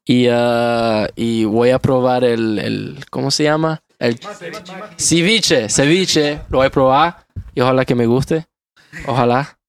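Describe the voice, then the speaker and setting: A man with an American accent in his Spanish, a native English speaker, talking casually as an interview guest in halting Spanish mixed with English phrases. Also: mid-range voice, fairly even intonation, creaky, smooth. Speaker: guest musician.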